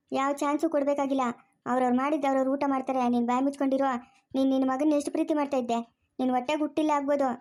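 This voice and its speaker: A woman playing a sharp-tongued grandmother who scolds her daughter-in-law, speaking rural Chikkaballapur Kannada. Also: sits high, close to an everyday voice. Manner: scolding, rapid and raised. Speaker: grandmother character. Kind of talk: family drama acting.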